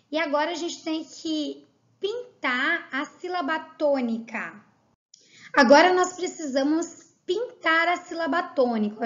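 A woman with a Brazilian Portuguese accent, teaching a recorded lesson and reading words out slowly and clearly. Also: sits high, dull audio. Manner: slow, clearly spelled-out dictation of words.

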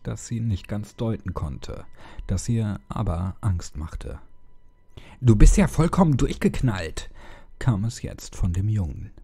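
Gravelly, dark-voiced male horror narrator. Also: lowish voice.

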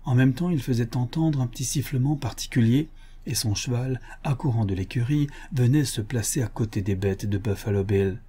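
Male audiobook narrator, dark mellow tone, steady storytelling. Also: mid-range voice, normal speed, slightly rough. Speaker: audiobook reader.

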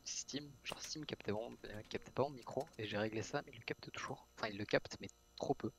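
Male gamer, quick delivery, sharp forward tone, casual talk over voice chat. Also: mid-range voice. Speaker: fellow player. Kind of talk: casual multiplayer game chat. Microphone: faint voice chat microphone.

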